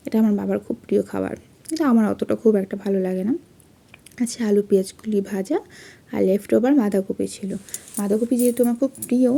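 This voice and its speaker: A young woman, a vlogger doing a soft late-night voice-over, speaking quietly so she won't wake her sleeping child. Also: medium pitch, creaky, breathy edge.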